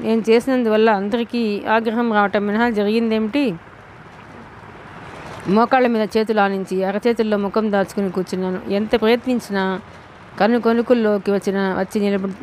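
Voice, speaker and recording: A woman narrating a novel in the first person as an audiobook, with a steady, emotive reading. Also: mid-range voice, slight background noise.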